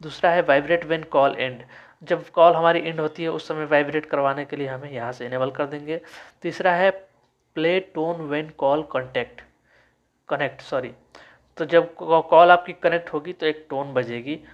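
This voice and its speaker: A man giving a step-by-step phone settings tutorial, reading menu labels out slowly and correcting himself often. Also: a little high, fairly even intonation, highs cut off. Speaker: tech tutorial host. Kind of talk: screen-recorded phone settings walkthrough.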